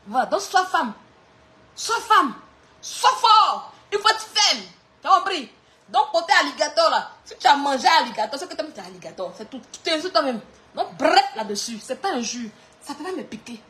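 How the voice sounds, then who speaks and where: A woman delivers a mocking insult clash, laughing through her lines. Her voice sits very high and swings widely in pitch. The tone is bright and sharp. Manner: mocking, often laughing while talking. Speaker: online clash streamer.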